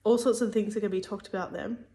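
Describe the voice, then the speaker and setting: Soft-spoken woman teaching with many fillers. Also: mid-range voice, steady tone, fast. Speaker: religious teacher.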